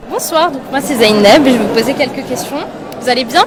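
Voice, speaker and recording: A woman's voice: sits high, quick pace. A young woman interviewing guests at a festival opening, asking short friendly questions. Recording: loud noise and crowd chatter.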